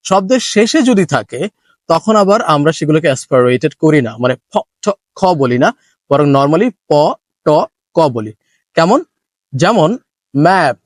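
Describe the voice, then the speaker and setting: A man's voice: a little high, no echo. A man teaching English pronunciation in Bengali, repeating and contrasting sounds and puffing air on the aspirated ones. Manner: demonstrating sounds with strong puffs of air. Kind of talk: short lesson video.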